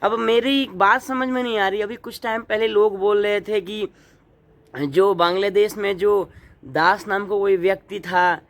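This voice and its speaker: A man's voice: high-pitched, steady tone, moderate pace, a bit bright. A young man from Uttarakhand, India, giving earnest, indignant opinion commentary as a vlogger, asking the viewer pointed rhetorical questions.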